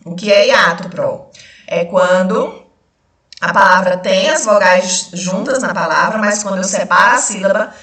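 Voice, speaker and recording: A young adult Brazilian woman teaching a primary class, explaining patiently step by step and slowing down on key terms. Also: mid-range voice, sharp tone. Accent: Brazilian Portuguese. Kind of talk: recorded remote class lesson. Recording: very echoey room, far from mic.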